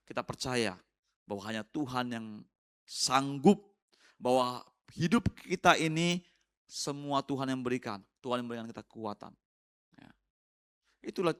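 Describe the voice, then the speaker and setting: A male pastor giving a sermon in a casual, conversational way. He often checks in with the congregation through tag questions and sometimes turns teasing, with laughter and high mocking exclamations.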